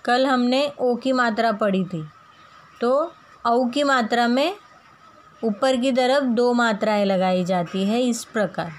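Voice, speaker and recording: Woman teacher going really slow, a bit high voice, repeats words over and over for little kids. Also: slight background noise. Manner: repeats and stretches words to model pronunciation. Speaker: primary school teacher. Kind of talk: slow, careful phonics lesson.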